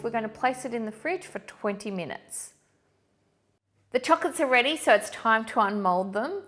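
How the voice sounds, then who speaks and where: A middle-aged woman hosting a cooking demonstration, giving clear step-by-step instructions in an upbeat manner. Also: on the high side, a bit bright. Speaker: chocolatier host.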